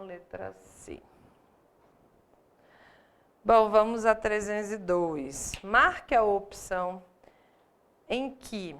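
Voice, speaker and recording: A woman's voice: medium pitch, creaky. A Brazilian woman teaching Portuguese grammar in a live online exam-prep lesson, explaining step by step and often checking in with the class.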